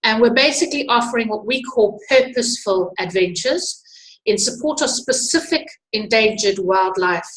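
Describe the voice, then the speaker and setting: Speaking at a normal pace with a fairly high, lively voice, this middle-aged woman hosts an online webinar in a casual way. She has a South African accent and comes from Zimbabwe and South Africa. She's indoors at her computer, and the computer mic picks up an echoey room.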